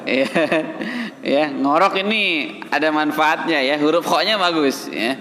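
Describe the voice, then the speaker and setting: A man teaching Quran recitation in a mosque, patiently correcting students and chanting verses slowly. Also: on the high side, pushed and bright. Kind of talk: tajwid lesson in a mosque. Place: mosque hall. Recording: reverberant mosque hall.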